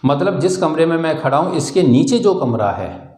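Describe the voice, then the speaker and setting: A man with an Indian accent teaching a physics class, explaining step by step, calling students "beta" and slowing down to dictate definitions. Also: a little high, expressive, darkish tone, reverberant. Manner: slow, spelled-out dictation of definitions. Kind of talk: classroom lecture.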